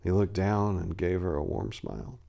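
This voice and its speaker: A deep, gravelly, warm male voice, very animated and at a moderate pace, belongs to a narrator and story editor. He delivers dramatic story narration and informal remarks to listeners with theatrical, hammy flair.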